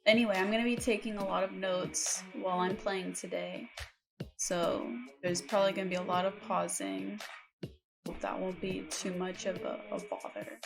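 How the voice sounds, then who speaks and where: A young woman talks through a story game she is playing, in casual commentary. She rambles and makes light fun of herself at an ordinary middle pitch. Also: little pitch movement, moderate pace, vocal fry, music in the background. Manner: chatty, rambling, self-deprecating. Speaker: gameplay video host.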